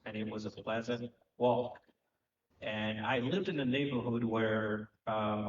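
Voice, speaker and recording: A man, speaking earnestly and reflectively on a conference panel, pausing often with fillers. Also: fairly low pitch. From Haiti. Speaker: panel speaker, economic development director. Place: conference hall at a live event. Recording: echoey, distant, muffled hall recording.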